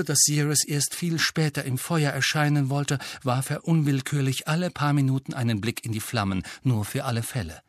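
A man narrates an audiobook from a script, reading in an even, measured way. His voice is mid-range, and the dry recording is studio quality.

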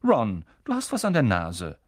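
A man's voice: fairly low pitch, wildly swooping pitch, a little slow, no room sound, clean studio sound, heavily acted. A man voicing a fussing middle-aged mother of a big family, calling out after her boys.

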